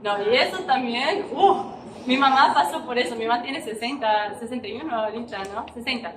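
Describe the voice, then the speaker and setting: A woman's voice: fairly high pitch, brisk. A young woman giving an informal, emotional sermon at a women's church gathering, chatty and full of tag questions. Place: church hall. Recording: echoey church hall, distant mic, background noise.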